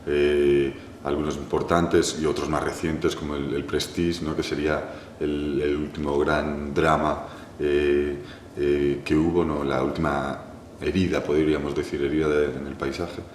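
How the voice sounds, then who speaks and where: Guy w a super low voice, thinks out loud, lots of pauses, echoey room. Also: little pitch movement, a little hiss or hum. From Galicia, Spain. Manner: thoughtful, many pauses, restarts and "¿no?" tags. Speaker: filmmaker. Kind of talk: reflective interview answer. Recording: echoey room with faint ambience.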